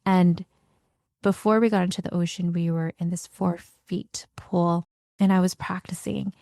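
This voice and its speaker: Woman doing a chatty solo podcast, mellow warm voice, super dry close mic. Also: on the low side, fairly even intonation, unhurried, no echo. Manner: candid and chatty, acts out her own inner dialogue. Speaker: podcast host.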